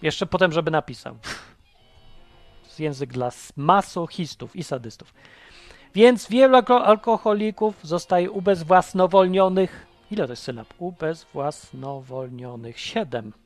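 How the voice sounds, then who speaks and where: A man's voice: high voice, very animated, normal speed, dry recording, soft background music. A man hosting a casual livestream chat, ranting sarcastically and mocking ideas while taking calls. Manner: sarcastic, mocking, acts out voices.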